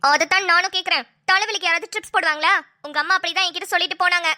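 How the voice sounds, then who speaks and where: A fed-up cartoon daughter-in-law, voiced by a woman, sarcastic and full of grumbling asides. Her voice is very high, bright and sharp, and the words tumble out quickly. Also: fairly even intonation, full character voice. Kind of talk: cartoon voice acting.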